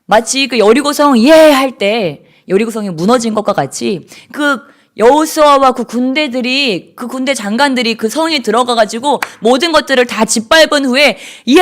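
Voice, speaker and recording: Woman pastor in church, sermon voice, wide swings from hushed to loud praise. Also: a little high.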